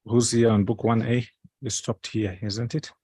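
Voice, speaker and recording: A man's voice: medium pitch, flat delivery, normal speed, dark tone, husky, no room sound. A man teaching a study circle, patiently explaining step by step. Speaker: religious teacher.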